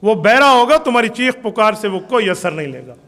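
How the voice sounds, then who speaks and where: A high-pitched male preacher with a Pakistani Urdu accent delivers a sermon in a reverberant hall. He recites Arabic passages, then explains them with rising, emphatic force. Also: lively intonation, bright, forceful tone. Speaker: Islamic preacher. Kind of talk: religious sermon.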